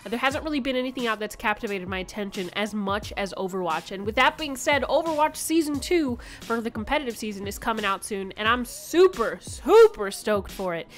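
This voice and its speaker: A woman's voice: on the high side, expressive, fairly quick, hardly any pauses, faint music behind. A young woman with a sick voice, casually chatting as host of a gaming video, rambling and restarting her sentences.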